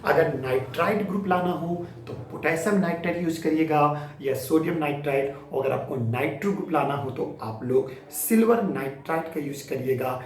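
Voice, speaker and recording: A man teaching chemistry to students, explaining each step patiently and checking understanding with quick questions. His voice sits a little high and sounds very echoey, picked up from a distance with a faint hum of ambience behind it. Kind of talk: classroom lecture. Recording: echoey room, mic set back, faint ambience.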